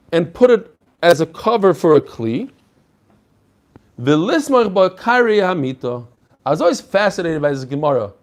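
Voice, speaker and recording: A man giving an informal religious lesson as a rabbi, explaining conversationally and posing rhetorical questions. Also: high voice. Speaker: rabbi teaching a daily Talmud class.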